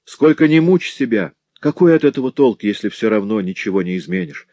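A man's voice: medium pitch, expressive, a little fast, warm tone, no room sound, pitched above the performer's own voice, natural voice. A man reading a novel aloud, voicing a bedridden sick wife in a plaintive, whining tone. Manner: plaintive, whiny.

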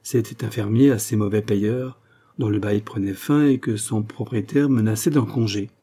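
Dark-voiced male audiobook narrator. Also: on the low side, moderate pace. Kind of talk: scripted narration of a novel.

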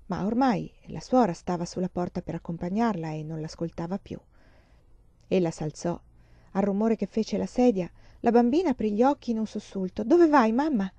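A woman reads literary fiction aloud in a measured, expressive manner, her voice warm and mellow. The recording is dry, with little room sound, and slightly dull. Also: medium pitch, dry recording. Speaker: audiobook reader. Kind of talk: literary reading.

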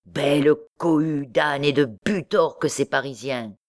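A man's voice: a little high, lively intonation, slow pace, a little mellow. A woman reading the part of an irritated, proud medieval male poet who grumbles and complains theatrically. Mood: grumbling.

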